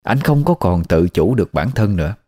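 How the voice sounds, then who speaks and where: A man's voice: low voice, very animated, normal speed, mellow. A man with a Southern Vietnamese accent narrating a ghost story in a conversational, folksy way. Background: faint music.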